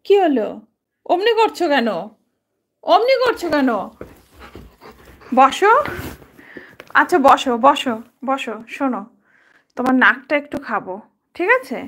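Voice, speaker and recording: A woman's voice: high-pitched, very animated, unhurried, long pauses, fairly bright tone. A woman talking playfully to her pet dog, coaxing it with short repeated commands. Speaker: dog owner.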